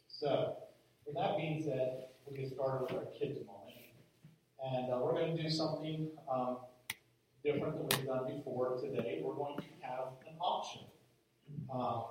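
A man leading a children's moment for a church congregation, talking casually with many ums and getting lively as he runs an auction. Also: medium pitch. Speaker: church leader. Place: church sanctuary. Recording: echoey hall from far off, faint noise.

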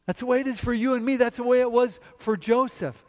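A man preaching a sermon, repeating phrases and moving between emphatic bursts and low, quiet passages. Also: fast talker. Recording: long reverb in a large hall.

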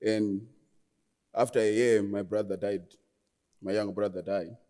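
A guest speaker, an earnest Zimbabwean man in his 20s, gives a personal testimony about his life from the front of a large hall. His low, mellow voice holds a steady tone at a slightly slow pace, and he frequently pauses to restart phrases. The hall lends a long, trailing reverb.

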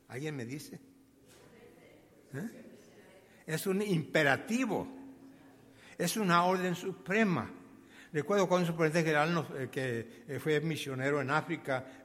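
A man's voice: a little high, a bit bright. Elderly man preaching in an echoing hall. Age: 80s. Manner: emphatic, questions the congregation, tells stories. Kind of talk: sermon. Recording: long hall reverb.

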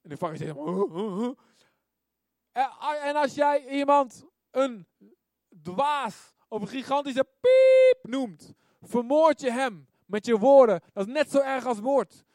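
A man preaching a sermon in a lively way, often calling out amen and asking his listeners to agree. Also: very high-pitched, a little slow, no room sound, clean studio sound. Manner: lively, often asks "ja toch?" and calls "amen".

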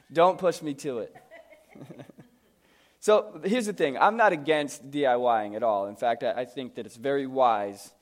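An American man preaches with a hoarse, strained voice that sounds worn from shouting. His sermon is conversational and informal, full of joking, self-deprecating asides. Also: mid-range voice, a little slow, long pauses. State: hoarse from screaming the night before.

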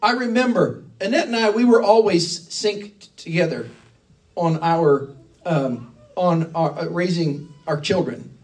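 A man's voice: high voice, unhurried, recorded from a distance, poor audio. A middle-aged man preaching a sermon in a conversational, emphatic way, often restarting his phrases.

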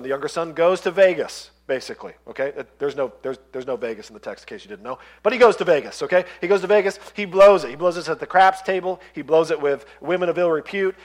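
A male pastor preaching a sermon in a conversational way, retelling parables and acting out the voices of the characters. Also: fairly high pitch. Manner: conversational, acts out voices in stories.

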